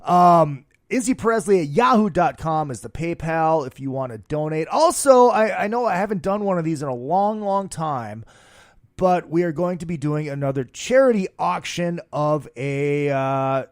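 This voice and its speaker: A hungover man with a fairly high voice hosts a rock podcast. He talks like a brash, slangy showman who swears freely and ad-libs his plugs. The studio sound is close and dry. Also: expressive, normal speed, dry recording. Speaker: podcast host. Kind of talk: loud rock podcast monologue, casual ad-libbed plugs.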